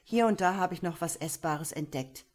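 A woman's voice: on the low side, normal speed, close to an everyday voice. A woman voicing a firm, commanding young male soldier scout. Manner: firm, commanding, later gentler.

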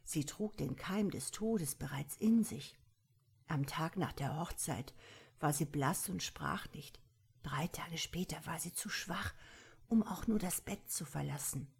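A woman reads a dark fairy tale aloud as an audiobook narrator. Her voice is low and husky, and she keeps it soft and hushed, often close to a whisper. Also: a little slow. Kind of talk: audiobook storytelling.

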